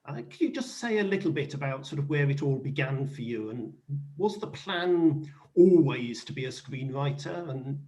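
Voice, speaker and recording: A middle-aged or older man hosting an event with a formal, courteous and deliberate introduction. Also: mid-range voice, lively intonation, a little mellow. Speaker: host, moderator.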